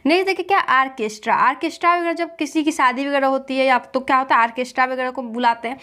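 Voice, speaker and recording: High-voiced woman teaching with questions. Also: fast, bright, forceful tone. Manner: asks rhetorical questions and answers them herself, repeating key points. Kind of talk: classroom-style lesson with memory tricks.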